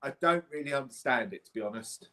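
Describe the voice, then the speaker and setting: A man's voice: medium pitch, expressive, fast, bright, forceful tone. A man talking casually as a guest on a sports show. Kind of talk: casual chat.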